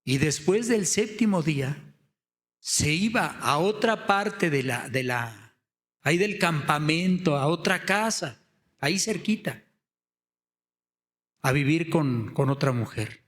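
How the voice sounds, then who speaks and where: Male preacher, higher-pitched voice, storytelling sermon delivery with rhetorical questions, climbs into fervent raised passages. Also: expressive, slow, long pauses. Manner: storytelling, rhetorical questions, rising to loud impassioned emphasis.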